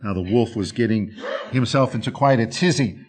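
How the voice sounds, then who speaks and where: A man narrating a dark fable with drawn-out dramatic pauses. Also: medium pitch. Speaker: storyteller.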